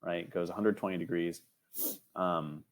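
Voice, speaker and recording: A young man teaching an online robotics lesson in a casual, rambling way, often checking in with "right?" and filling pauses with "um". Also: deep voice, fairly even intonation. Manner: casual, filler-heavy, frequent "right?" checks.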